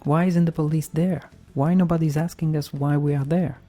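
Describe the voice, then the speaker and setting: A man's voice: a little high, steady tone, moderate pace, dark tone, faint music behind. A man giving casual game playthrough commentary, arguing his points and repeating them for emphasis. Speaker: video game streamer.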